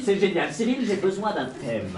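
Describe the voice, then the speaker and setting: A man's voice: sits high, very animated, moderate pace, darkish tone. Man explaining improv game on stage. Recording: roomy stage with live audience.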